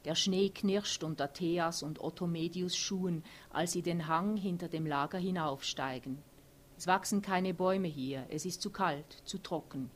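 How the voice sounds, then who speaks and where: Woman reading her novel aloud, low-pitched. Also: measured pace, slight background noise. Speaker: author reading her own book.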